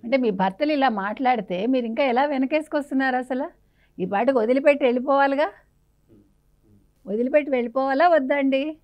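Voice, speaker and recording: A woman's voice: high voice, a little fast, highs cut off. A woman journalist giving a heated, indignant interview in a scolding way.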